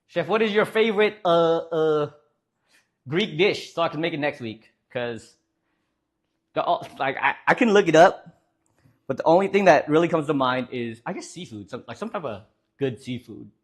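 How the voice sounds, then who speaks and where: A man's voice: on the high side, expressive, moderate pace. A young man streaming live, chatting casually with viewers in a joking, rambling way with lots of fillers.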